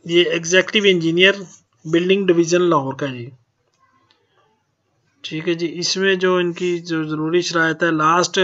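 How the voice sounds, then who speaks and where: On his own channel, a man from Pakistan reads auction notices in a plain way, frequently tacking on a courteous "ji." He has a high, somewhat bright voice. The recording is muffled.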